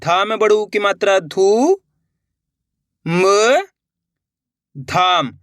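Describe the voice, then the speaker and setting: A man's voice: high-pitched, lively intonation, very slow, a bit bright, no echo, clean studio sound. A man teaching how to write words letter by letter, repeating each word and answering his own questions. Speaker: Hindi writing teacher. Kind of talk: slow step-by-step spelling lesson.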